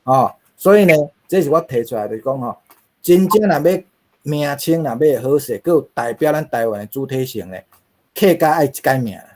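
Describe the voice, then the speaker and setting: A man's voice: mid-range voice, lively intonation, normal speed. A middle-aged man with a Taiwanese accent, giving a linguistics lecture to a class, asking rhetorical questions and using many fillers.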